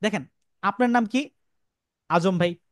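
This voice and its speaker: A man's voice: high-pitched, a little slow, no echo, studio quality. A male English teacher giving a classroom lecture, repeating phrases and asking the class questions.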